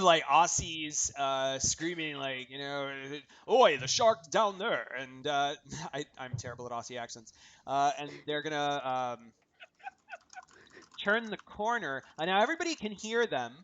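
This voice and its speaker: A man's voice: fairly high pitch, expressive, moderate pace, fairly bright tone, dull audio, a little hiss or hum. A man narrating as game master in a casual tabletop session, chatty and full of fillers. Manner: chatty, many fillers, laughing at himself.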